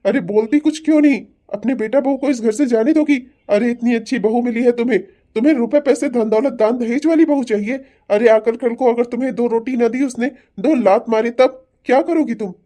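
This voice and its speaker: A woman's voice: fairly high pitch, mellow, close to an everyday voice. A woman voicing a stern elderly father-in-law who scolds and lectures his family in a cartoon family drama. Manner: scolding, preachy.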